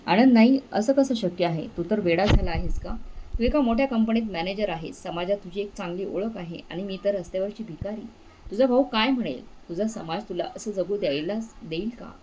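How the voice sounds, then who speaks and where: A woman's voice: mid-range voice, a little fast, warm tone, slight background noise, natural voice. A woman voicing a young beggar woman who is humiliated but proud, speaking in a pleading, emotional way. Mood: protesting.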